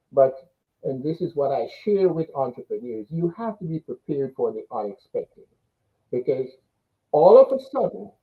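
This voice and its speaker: An older Jamaican man with a Jamaican accent tells his own story as an interview guest; he works as a business coach. His voice is medium in pitch and sounds like it was recorded over a phone.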